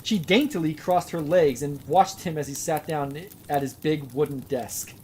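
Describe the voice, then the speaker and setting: A woman's voice: deep voice, moderate pace, a little mellow, slight background noise. A young woman reading a bad story aloud for laughs, breaking off with sarcastic, swearing asides. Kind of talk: comedic live reading with commentary.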